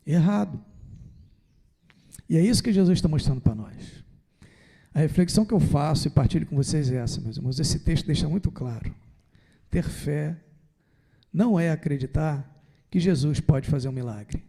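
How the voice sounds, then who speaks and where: A man's voice: a little high, normal speed, vocal fry, pauses often, mellow. A man, a parish priest, giving a conversational Sunday homily and acting out pleas to Jesus. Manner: conversational, acts out dialogue with Jesus. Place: church.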